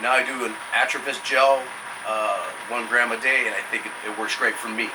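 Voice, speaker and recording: A man in his fifties rambles through a casual vlog while soaking in ice cold water, sounding slightly strained by the chill. His voice is mid-pitched and sits at a distance from the mic. A clear machine-like noise runs behind him. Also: moderate pace. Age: 50s. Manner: rambling, chatty. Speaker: product reviewer. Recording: distant mic, loud steady machinery hum.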